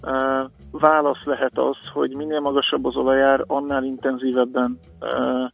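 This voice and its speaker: A man's voice: medium pitch, monotone, vocal fry. A man giving market commentary on the radio in a hesitant, explanatory way, with many filler sounds. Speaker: financial analyst guest. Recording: phone-like radio line with faint music.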